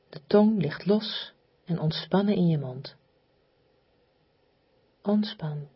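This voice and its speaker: A woman leading a guided relaxation in a soft, breathy, near-whispered voice, soothing, hypnotic and repetitive, with long pauses. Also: mid-range voice, highs cut off.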